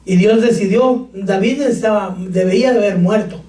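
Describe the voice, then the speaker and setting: A man's voice: high-pitched, normal speed, mellow. A man preaching a sermon as pastor, calling out questions to the congregation and joking between points. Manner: preaching with call-and-response, joking asides. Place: church sanctuary. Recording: echoey church, far from mic.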